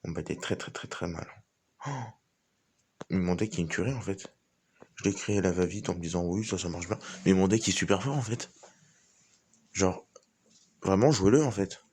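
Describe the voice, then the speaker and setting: A man's voice: deep voice, normal speed, long pauses, darkish tone, slightly rough. A man giving casual, informal live commentary on a game as he plays, thinking aloud. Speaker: gaming video host.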